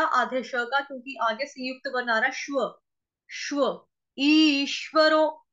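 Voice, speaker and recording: A woman with a high, bright voice teaches Sanskrit recitation. She stretches each chanted word out very slowly, then breaks it down letter by letter. The recording sounds a little dull and lo-fi. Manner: chants verse words very slowly and drawn out, then explains quickly; spells out letters and vowel marks one by one. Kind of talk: slow syllable-by-syllable chanting lesson.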